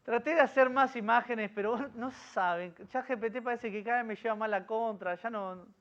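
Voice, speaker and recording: A man's voice: very high-pitched, moderate pace, highs cut off. A man with an Argentine accent, a pastor leading a Bible study, telling the story vividly and asking his listeners questions. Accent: Argentine Spanish. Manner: lively storyteller who quizzes his listeners.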